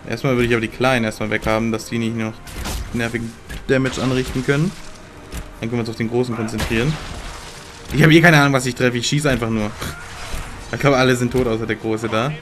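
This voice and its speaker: Young gamer dude, slangy, gets excited, chats to the game, faint hiss. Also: male voice, mid-range voice, fast, pauses often. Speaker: let's play gamer. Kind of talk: casual gameplay commentary.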